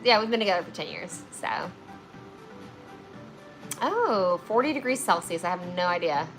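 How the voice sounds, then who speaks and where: Over soft background music on a low-quality recording, a woman in her 20s with a lowish, expressive voice chats at a moderate pace. She hosts a livestream while preserving flowers, reading viewer comments, saying "like" a lot and checking in with "okay?".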